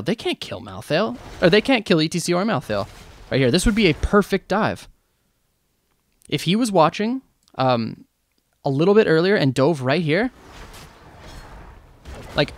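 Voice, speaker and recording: A man coaching a game team over voice chat, breaking down a replay in a casual, animated way and quizzing the players. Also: fairly high pitch. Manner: animated, asks the team questions, many fillers. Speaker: esports coach reviewing replays.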